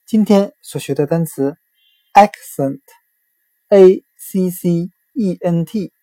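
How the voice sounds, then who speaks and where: Slow, low-voiced woman teaching vocabulary. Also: mellow, dry recording. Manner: slow, deliberate spelling out letter by letter. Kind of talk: vocabulary lesson.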